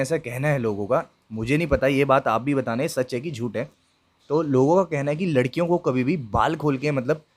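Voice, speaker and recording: A young man tells his own ghost story in a casual, chatty way. He talks to his viewers directly and keeps checking in with fillers as he goes. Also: mid-range voice. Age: young adult. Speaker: YouTube storyteller. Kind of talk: casual first-person ghost story narration.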